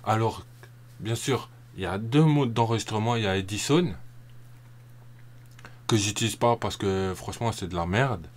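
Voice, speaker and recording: A man narrating a software tutorial over a screen recording, casual and rambling, often hesitating and repeating himself. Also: fairly low pitch, normal speed, pauses often.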